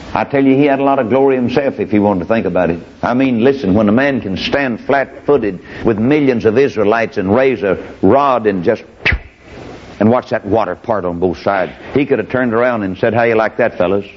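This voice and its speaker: A man's voice: fairly low pitch, fairly quick. A male evangelist preaching a radio sermon in a fervent, folksy storytelling manner, on a dull lo-fi recording. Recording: dull lo-fi recording with faint hiss.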